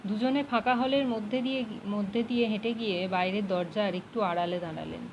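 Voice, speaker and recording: A woman narrating an audiobook in a steady, measured reading voice. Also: medium pitch, highs cut off, slight background noise. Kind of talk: storybook narration.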